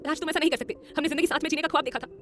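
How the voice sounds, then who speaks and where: Woman voicing tearful clingy young lover, raised pitch, urgent pleading. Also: fairly even intonation, racing, fairly bright tone, faint music behind. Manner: pleading, emotional.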